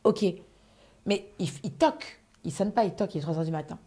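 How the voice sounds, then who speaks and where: A woman's voice: on the low side, big pitch swings, a little fast, warm tone, slightly rough. A woman telling a story on a live stream in a casual, dramatic way, swearing freely and speaking straight to her audience.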